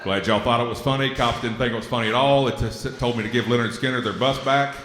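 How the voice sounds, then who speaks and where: A man with a West Virginia Appalachian accent doing a stand-up comedy set on a club stage, drawling and self-deprecating with deadpan asides. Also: mid-range voice, fast, a little hiss or hum. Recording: roomy hall, reverb.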